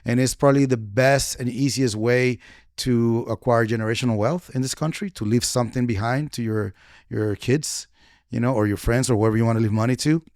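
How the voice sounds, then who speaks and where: A man at an ordinary middle pitch talks as a podcast guest, relaxed and chatty as he explains his work in real estate. His voice sounds dry and close to the mic. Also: no room sound. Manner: relaxed, chatty, quick affirmations. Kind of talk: casual interview chat.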